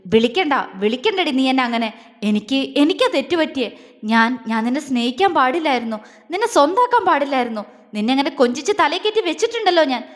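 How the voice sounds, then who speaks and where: A woman voicing a hurt, furious young man who shouts and stumbles over repeated words, recorded with a long hall reverb. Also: high voice, sing-song, a little fast. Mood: anguished shouting.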